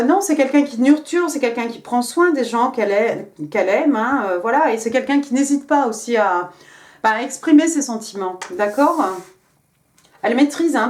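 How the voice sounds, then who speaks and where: A woman giving a casual tarot reading to camera, chatty and full of fillers, speaking directly to her viewers. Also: fairly high pitch. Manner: chatty, many fillers and hein. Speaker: tarot reader. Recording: echoey room.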